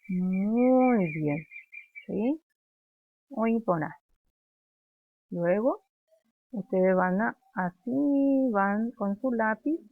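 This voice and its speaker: Woman teacher doing a kids lesson, slow and patient, sounds like over the phone. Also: medium pitch, dry recording, phone-quality sound. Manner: slow, patient, models words for pupils to repeat. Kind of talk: remote first-grade language lesson.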